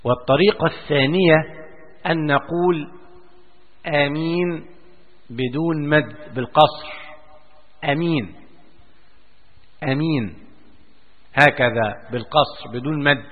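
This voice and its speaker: A man giving a religious lesson on Quran commentary, explaining slowly, repeating words and reciting. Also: fairly high pitch, fairly even intonation. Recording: tinny lo-fi recording in a reverberant hall.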